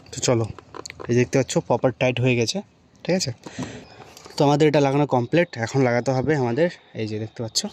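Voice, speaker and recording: A motorcycle vlogger gives viewers a casual, improvised hands-on tutorial, unboxing and installing something while chatting informally as he works. His voice is medium-pitched with a darkish tone, and background ambient noise comes through clearly.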